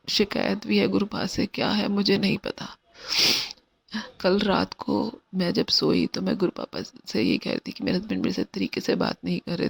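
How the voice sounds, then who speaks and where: A woman devotee sharing a personal devotional testimony, talking in a hesitant, halting way. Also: mid-range voice, gravelly, breathy edge, no echo.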